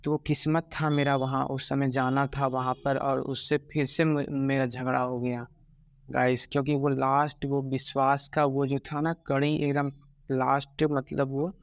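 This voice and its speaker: A young man talking in a halting, regretful way about his heartbreak in a personal vlog, with many pauses and restarts. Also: medium pitch, level tone, no room sound, studio quality. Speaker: vlogger.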